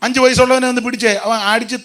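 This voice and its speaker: A man preaching a sermon in an animated way, rising to shouts and dropping to soft asides. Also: very high-pitched, fast talker.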